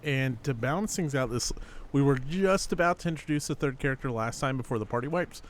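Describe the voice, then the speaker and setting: Casual male game master, mid-pitched. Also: brisk. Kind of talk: casual tabletop game narration and hosting.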